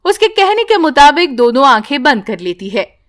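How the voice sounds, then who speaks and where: A woman narrating an animated bedtime story in a calm, even storytelling manner. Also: high voice, normal speed.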